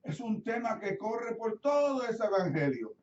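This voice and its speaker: A middle-aged Puerto Rican pastor preaches to his congregation in a lively storytelling manner. His voice is dark and mellow, set somewhat high, and it rings through a roomy church from a mic far away. The sound is a little dull. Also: a little slow, a little hiss or hum. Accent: Puerto Rican Spanish. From Puerto Rico. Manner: storytelling, acts out his own prayers, asks the congregation questions. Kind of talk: sermon. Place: church sanctuary.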